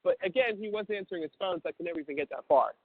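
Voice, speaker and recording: A man's voice: high-pitched, animated, rapid-fire, no room sound. A young man telling a long story over a prison phone call, cursing freely and stumbling over restarts. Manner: profane, stammering restarts, acts out quoted voices. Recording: tinny prison phone line.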